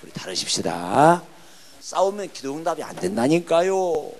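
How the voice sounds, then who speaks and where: A middle-aged man preaching a revival sermon in a church, swinging between loud bursts and hushed lines and acting out quarrels. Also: fairly high pitch, big pitch swings, normal speed, creaky. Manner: emphatic, swings from shouting to near-whispers, acts out quarrels. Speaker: pastor. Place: church sanctuary.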